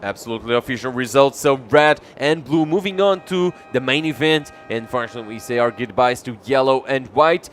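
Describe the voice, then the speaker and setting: A man commentating live on a surfing contest, announcing score updates in a measured, piece-by-piece way. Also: medium pitch, lively intonation, soft background music.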